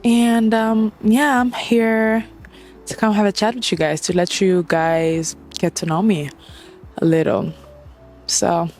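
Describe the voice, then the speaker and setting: A woman's voice: medium pitch, level tone, slow pace, darkish tone. Young woman from Mozambique, singer hosting a casual Q&A vlog, playful and chatty, faint music underneath. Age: young adult. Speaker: singer-songwriter.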